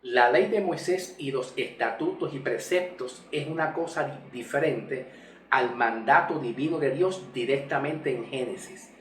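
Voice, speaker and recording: A man teaching scripture slowly at a whiteboard, repeating and spelling out key words. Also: medium pitch. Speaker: Bible teacher. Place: room with a whiteboard. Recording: echoey room, mic far off.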